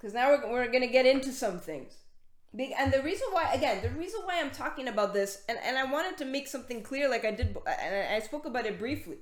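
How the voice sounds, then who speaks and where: A woman preaching a sermon, reading scripture and explaining it earnestly, often repeating words and adding quick asides. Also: high voice, animated, roomy sound.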